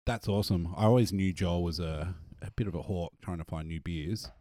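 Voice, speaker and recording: A man's voice: deep voice, a little fast, dark tone, dry recording. An Australian man co-hosting a podcast in casual conversation. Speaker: podcast co-host. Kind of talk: casual chat. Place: at a kitchen table indoors.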